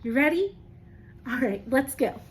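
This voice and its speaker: A woman teaches young children to camera in a high, sing-song voice at a measured pace, with a little hiss or hum audible. Her lesson is interactive and simple, going step by step, asking questions, and praising the kids as if they respond.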